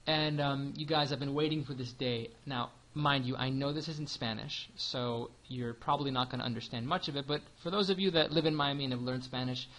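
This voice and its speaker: A man's voice: medium pitch, fairly even intonation, normal speed, few pauses, fairly bright tone, low-quality recording. Guy teaching history to his class, laid back, lots of um and you know. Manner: casual, chatty, with fillers like "you know" and "um".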